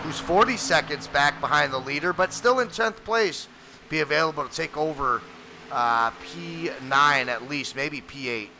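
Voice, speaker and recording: Bright, gravelly-voiced man calling a sim race. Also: a little high, normal speed, slight background noise. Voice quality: voice cracks. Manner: energetic, chatty play-by-play. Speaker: race commentator. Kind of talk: sim racing play-by-play commentary.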